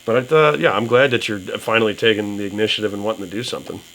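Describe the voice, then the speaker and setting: Bright-voiced man bantering on a podcast. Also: on the low side, fast, rough recording. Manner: crude, joking. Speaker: podcast host. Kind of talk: casual comic banter. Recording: faint ambient background noise.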